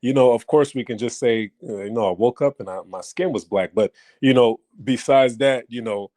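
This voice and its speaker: A man's voice: mid-range voice, normal speed, a little mellow, no room sound. A man hosting a casual interview, asking loose, filler-heavy questions in a laid-back way. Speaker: host interviewer.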